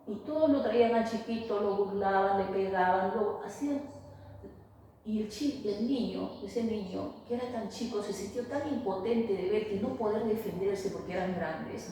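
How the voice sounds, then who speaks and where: Woman, family therapist, hesitant, mellow voice, roomy echo. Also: mid-range voice. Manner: hesitant, many fillers and restarts. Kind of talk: interview, explaining to an interviewer. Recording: echoey room, voice far from mic, faint noise.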